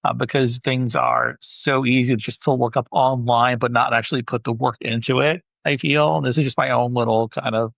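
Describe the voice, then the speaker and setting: A man's voice: medium pitch, steady tone, moderate pace, gravelly, hardly any pauses, a bit bright, no echo. A man hosting a teacher podcast, talking earnestly and a little ramblingly, doubling back on his words. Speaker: podcast host. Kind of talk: interview podcast conversation. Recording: dry, slightly dull podcast audio.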